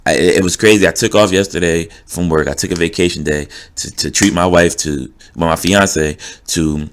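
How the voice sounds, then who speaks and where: A man's voice: sits low, normal speed, slight background noise. A young man with a New Jersey accent, hosting a podcast and ranting casually in a streetwise, rambling way. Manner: animated, streetwise, rambling with many fillers. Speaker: podcast host. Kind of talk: casual rant.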